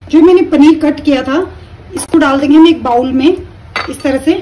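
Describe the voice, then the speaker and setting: A woman calmly explaining each step of a recipe while she cooks at her stove at home. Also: high voice, normal speed, recorded from a distance, low-quality recording. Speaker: home cooking teacher. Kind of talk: step-by-step cooking instruction.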